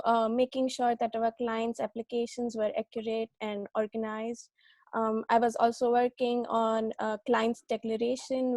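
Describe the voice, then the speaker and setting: A woman's voice: fairly high pitch, a little mellow, dry recording. A woman speaking as a panelist on a video call, describing her legal work steadily with frequent ums.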